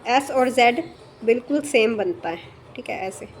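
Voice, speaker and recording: A woman teaching shorthand in a casual spoken lesson, explaining slowly with many fillers and checking in often, her voice dropping softer as she writes. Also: fairly high pitch, animated, a little hiss or hum.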